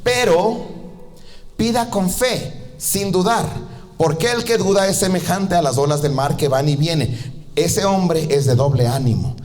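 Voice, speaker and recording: Animated preacher with big pitch swings. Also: male voice, measured pace. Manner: animated storytelling, acting out voices with big pitch jumps. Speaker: pastor. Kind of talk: sermon.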